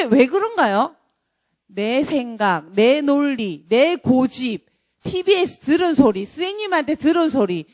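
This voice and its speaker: A woman preaching a sermon in a lively, joking way, now and then acting out dramatic voices. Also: sits high, no room sound, studio quality. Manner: animated, jokey, acts out dramatic voices.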